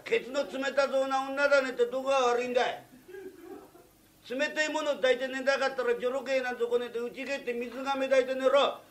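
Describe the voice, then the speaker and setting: A man in his forties playing a rowdy drunken male craftsman who yells and picks fights, in rough downtown Tokyo slang on a live storytelling stage. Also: very high voice, fairly even intonation, fast, slight background noise, voice pushed up. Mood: quarrelsome.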